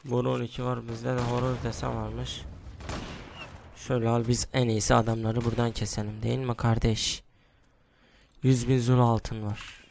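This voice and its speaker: A young man giving casual commentary while he plays a shooter game, mostly hushed because it is late at night, with sudden excited outbursts and groans. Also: mid-range voice, normal speed, gravelly, long pauses, a little hiss or hum. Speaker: gaming YouTuber. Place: room at home at night.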